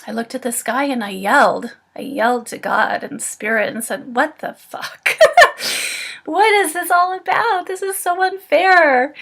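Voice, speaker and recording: A woman's voice: a little high, a bit bright. Earnest woman telling her story at home. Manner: earnest, reflective storytelling with fillers. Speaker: animal communicator. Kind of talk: unscripted personal vlog. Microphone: camera or phone facing her.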